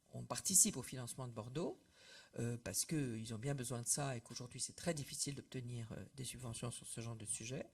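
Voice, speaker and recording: An older woman addressing association members in a casual, conversational way, with many fillers and trailing phrase ends. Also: extremely low pitch. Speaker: association representative. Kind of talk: informal talk to members. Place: meeting room with audience.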